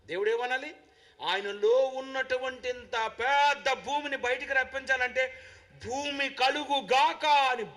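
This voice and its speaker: A man preaching a sermon, firing rhetorical questions at the listeners and repeating words for emphasis, swinging between loud exhortation and quiet asides. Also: very high-pitched.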